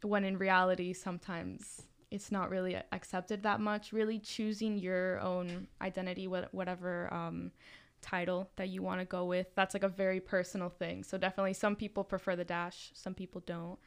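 Chatty young woman with a smooth voice. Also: lowish voice, level tone, normal speed. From Miami, Florida. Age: young adult. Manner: chatty, with many fillers and restarts. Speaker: student club leader, podcast guest. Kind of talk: casual podcast conversation.

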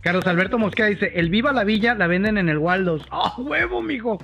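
A man's voice: sits high, expressive, fairly quick, gravelly, sharp tone, lo-fi sound. A young Mexican man hosting a casual chat, joking crudely and reading viewer comments aloud. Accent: Mexican Spanish. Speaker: podcast host.

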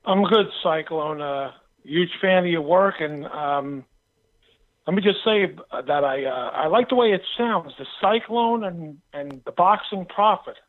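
A man's voice: on the high side, lively intonation, measured pace. Middle-aged man on a tinny phone line. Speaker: boxing pundit, phone-in guest. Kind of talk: casual interview answers. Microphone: telephone.

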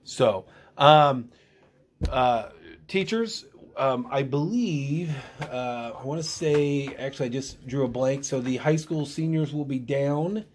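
A man's voice: mid-range voice, slow pace, a little hiss or hum. A man hosting school morning announcements in a playful, rambling way with lots of fillers.

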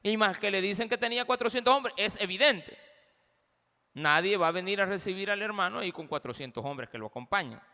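A man with a Salvadoran accent preaches a sermon as pastor, impassioned and addressing the congregation directly. His high, expressive voice moves a little fast and sounds pushed and bright, with a big-room sound.

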